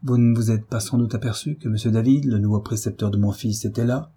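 A man's voice: lowish voice, steady tone, brisk, mellow, husky. A man voicing a composed young wife who answers politely and firmly in an audiobook reading. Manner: restrained, polite, firm.

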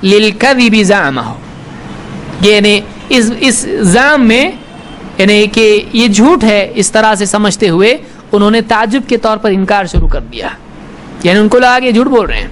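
A man with a very high voice delivers a sermon, reading Arabic lines and retelling them in everyday Urdu. He shifts his tone to play the people in the story. Faint background noise with passing vehicles sits behind him. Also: animated, a bit bright. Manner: quotes Arabic text then explains in colloquial Urdu; acts out the speakers in the story with changing tone. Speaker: Islamic preacher.

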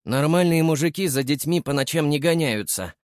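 Male reader doing a bratty boy, raised pitch, lively, dry sound. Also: normal speed, no echo, natural voice. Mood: mocking. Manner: mocking, feigns childish fear. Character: cheeky street boy, quick-witted and lying.

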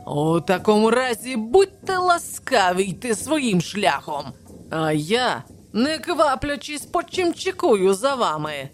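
A quick-tempered old male professor blusters and mocks at full volume, played by a woman narrator. He drags out his words with scorn. He is pompous and easily provoked. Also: a little high, sing-song, slight background noise, pitched above the performer's own voice. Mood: indignant mocking. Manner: loud, mocking, blustering. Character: hot-tempered bristling older male professor, mocking. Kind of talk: audiobook character voice.

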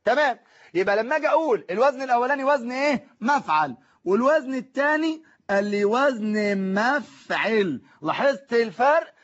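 A man teaching an exam-prep grammar lesson with an Egyptian accent, asking and answering his own questions and slowing down to spell out word patterns. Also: very high-pitched, expressive, dull audio. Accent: Egyptian Arabic. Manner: asks and answers his own questions, drills the class to repeat forms. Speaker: Arabic teacher.

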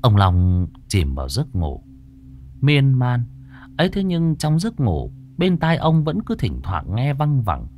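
A man narrating a ghost story in a measured, dramatic storytelling manner. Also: mid-range voice, wildly swooping pitch, darkish tone.

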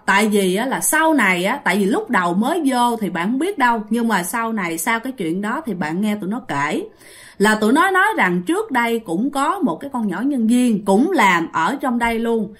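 A woman with a Southern Vietnamese accent telling a ghost story in a chatty way, speaking straight to her listeners. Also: a little high. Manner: chatty, addresses listeners directly.

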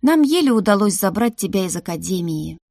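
A woman voicing a lively, teasing young woman friend in a higher, brighter voice, reading a storybook aloud. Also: a little fast, vocal fry, dry recording, clean studio sound.

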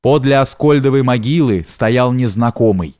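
Brief: male audiobook narrator, measured, dry studio sound. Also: medium pitch, a little mellow, dry recording. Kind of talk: scripted literary narration.

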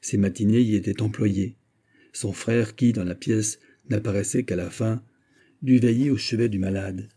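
A man reading a literary story aloud in a measured, steady audiobook narration with a husky voice. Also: fairly low pitch. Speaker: audiobook reader.

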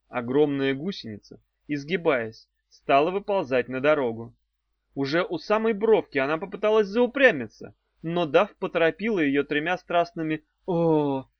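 A man narrating an audiobook in a lively, animated storytelling manner. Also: on the high side, no echo. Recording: dull, dry lo-fi audiobook recording.

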